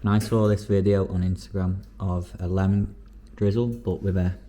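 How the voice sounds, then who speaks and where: Low-voiced man vlogging casually. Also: level tone, normal speed, dark tone, a little hiss or hum. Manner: chatty, upbeat commentary on food and training. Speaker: vlog host. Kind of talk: casual vlog narration. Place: home kitchen.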